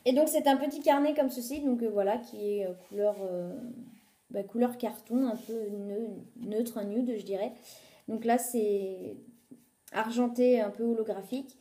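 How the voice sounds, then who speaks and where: A woman's voice: fairly high pitch, a little slow, warm tone, reverberant. A woman chatting casually through a shopping haul video filmed on a phone at home, with many fillers as she lists prices. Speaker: vlogger showing a shopping haul.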